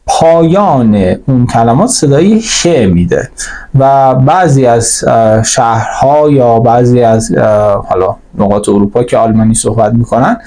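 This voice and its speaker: A man who speaks Persian natively, teaching a spoken language lesson, explaining each letter and saying it slowly again, with frequent fillers. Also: medium pitch, dark tone. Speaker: German teacher.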